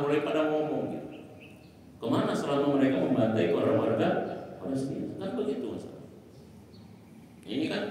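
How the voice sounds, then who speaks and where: A man's voice: lowish voice, darkish tone, a little hiss or hum. A man preaching a sermon in a mosque, emphatic, asking rhetorical questions and answering them himself. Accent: Indonesian. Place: mosque hall. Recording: echoey hall from far off.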